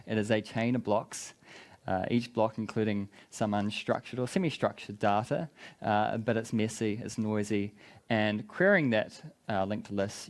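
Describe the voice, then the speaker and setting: A man with a broad New Zealand accent gives a product presentation at a conference, explaining things in an informal way. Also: on the low side. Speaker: conference speaker, business development head.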